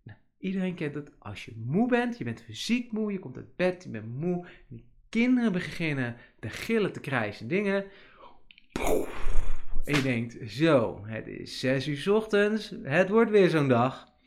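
A man's voice: on the high side, very animated, a little slow. A man, hosting a casual podcast monologue, chatty and rambling with many fillers. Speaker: podcast host.

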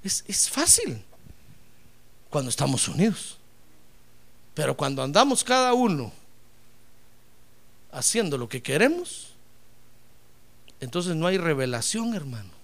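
A man preaching a lively sermon as pastor, acting out little dialogues and swinging from loud to soft. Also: a little high, unhurried, long pauses.

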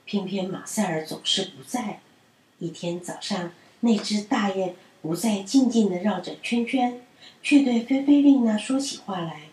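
A woman reading children's stories aloud in a gentle storyteller manner. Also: medium pitch, measured pace. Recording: roomy and distant.

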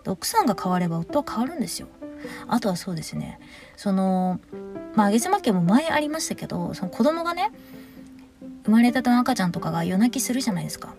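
A woman hosting a podcast, giving frank, lively marriage advice in a casual monologue and acting out quotes with big swings in pitch. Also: fast talker, over music.

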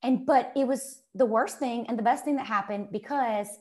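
A woman's voice: on the high side, normal speed. A middle-aged woman with a Mississippi Southern accent tells personal stories casually and emphatically, often acting out quoted remarks. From Mississippi, United States. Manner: animated, emphatic, quotes herself and others. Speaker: guest. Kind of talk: casual conversational storytelling.

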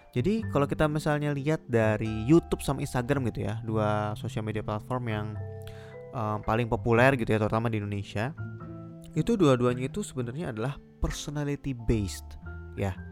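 Chatty young man hosting a podcast. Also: mid-range voice. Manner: relaxed, chatty, many fillers like "gitu ya". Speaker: podcast host. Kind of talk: casual solo podcast talk.

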